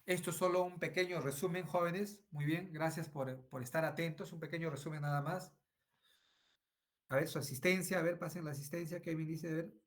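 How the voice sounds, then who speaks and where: A man's voice: fairly high pitch, steady tone, brisk. A middle-aged man giving an online medical lecture, repeating phrases and asking "right?" often. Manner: frequent tag questions and fillers.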